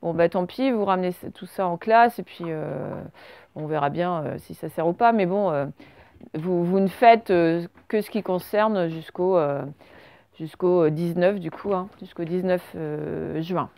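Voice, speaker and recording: A French woman teacher giving a slow dictation lesson to young children, stretching out words and spelling letters. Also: fairly low pitch, warm tone, dry recording. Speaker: primary school teacher.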